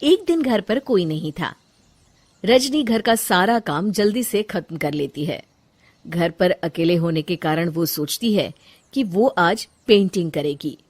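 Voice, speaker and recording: A woman narrating a cartoon family story in a plain, even storytelling voice. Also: fairly low pitch, a little slow.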